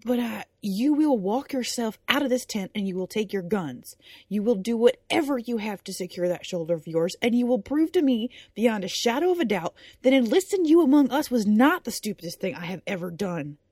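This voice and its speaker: A woman's voice: mid-range voice, measured pace, dark tone, breathy edge, dry recording. A stern, sardonic woman knight, voiced by a woman reading an audio story, scolds with a mocking edge that turns to a near growl. The sound is close and dry. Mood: scornful. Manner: mocking then growling, sinister.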